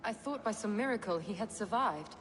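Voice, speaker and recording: An actress playing a noble mother in a video game, pitying and apologetic but quick to scold. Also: mid-range voice, expressive, in a large hall, lightly acted. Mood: sorrowful. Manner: sorrowful, then sharp and scornful.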